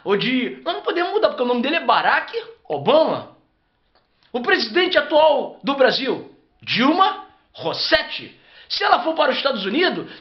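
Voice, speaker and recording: Fervent Brazilian pastor preaching, roomy lo-fi. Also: male voice, high-pitched. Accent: Brazilian Portuguese. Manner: fervent, repetitive, drawn-out emphatic phrases. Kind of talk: impassioned preaching sermon. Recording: roomy, dull lo-fi recording.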